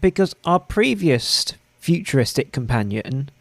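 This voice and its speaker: A man hosting a podcast, talking about an old episode in a dry, wry way with some halting restarts. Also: mid-range voice, sing-song, no room sound. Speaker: podcast host. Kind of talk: casual review chat.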